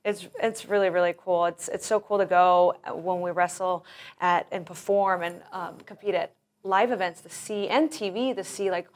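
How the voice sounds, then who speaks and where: Talking at a moderate pace in a fairly even, low-leaning voice, this woman in her thirties is interviewed casually about her work as a professional wrestler. Florida-born and Russia-raised, she rambles with enthusiasm and many restarts.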